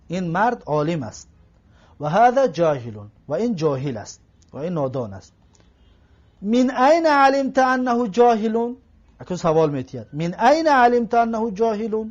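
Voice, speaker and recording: High-voiced man teaching Arabic. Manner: repeats each phrase, translating word by word. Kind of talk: recorded Arabic grammar lesson. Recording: slightly dull lo-fi recording.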